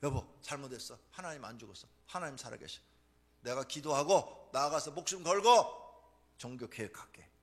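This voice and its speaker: Brief: male pastor doing a humbled husband, quiet and earnest, vowing to press on. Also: animated, fairly quick, close to an everyday voice. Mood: contrite. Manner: low, repentant and resolute. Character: contrite determined husband, a reformer.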